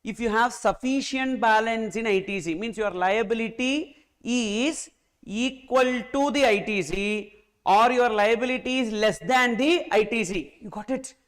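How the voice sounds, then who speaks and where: A man's voice: very high voice, unhurried, fairly bright tone, clear, resonant tone. A man with a Tamil accent teaching an exam class, repeating key phrases and often checking in with short questions. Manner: repetitive, rhetorical questions with check-ins. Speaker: accountancy teacher. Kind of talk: exam-oriented classroom lecture.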